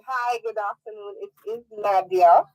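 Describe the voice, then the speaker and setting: A woman speaking as a radio guest in a businesslike, explanatory way. Her voice sits at an ordinary middle pitch. The sound is dry and close, with no room around it. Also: measured pace, darkish tone, no echo, low-quality recording. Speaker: head of sales and marketing, guest. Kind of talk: radio interview.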